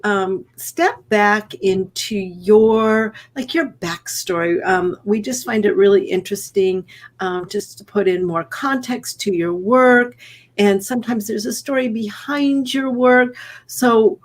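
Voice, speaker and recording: A woman's voice: mid-range voice, slow. A woman co-hosting a live online art broadcast, bubbly and enthusiastic, with frequent ums. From United States. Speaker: co-host.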